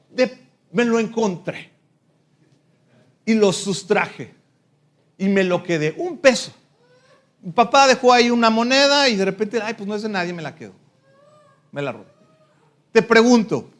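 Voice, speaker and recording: A male pastor teaching a Bible class as a sermon, talking conversationally, asking rhetorical questions and acting out little prayers. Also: sits high.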